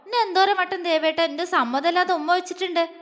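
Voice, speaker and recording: Sweet shy young girl in a storybook voiced by a woman, high voice, long echo. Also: quick pace, fairly bright tone. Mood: sweet pleading. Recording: long echoey reverb.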